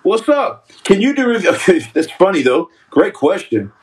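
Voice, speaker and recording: A man with a high voice hosts a loose, casual livestream, reading out the viewers' comments. He ribs the audience and calls people son. His voice sits a little back from the mic. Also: big pitch swings, moderate pace, far from the mic, low-quality recording. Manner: joking, trash-talking, calls people son. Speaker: podcast host reading live chat.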